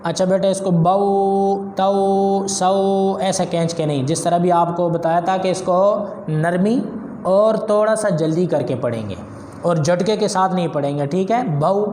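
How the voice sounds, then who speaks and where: A man with a Pakistani Urdu accent teaching children to read Quran letters, patiently explaining by question and answer and slowly chanting each letter sound. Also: sits high, darkish tone, slight background noise. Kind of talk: recorded lesson for children. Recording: echoey room with long reverb.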